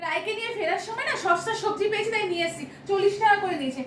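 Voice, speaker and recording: A woman with a West Bengal accent complaining in a casual domestic argument at home, talking quickly with many fillers. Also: very high-pitched, a bit bright, slight background noise. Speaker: vlogger and homemaker. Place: home kitchen. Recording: roomy and distant.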